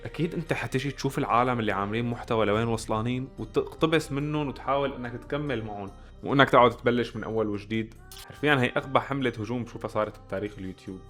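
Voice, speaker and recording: A man's voice: mid-range voice, very fast, fairly bright tone, soft background music. A young man with a Levantine Arabic accent, giving blunt, sarcastic reaction commentary. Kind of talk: casual commentary.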